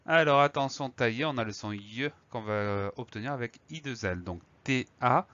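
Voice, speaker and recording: A man teaching a spelling lesson, reading out words and spelling them slowly letter by letter. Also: medium pitch, pushed and bright, dry recording, muffled recording. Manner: slow, careful spelling out of letters. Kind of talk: scripted lesson narration.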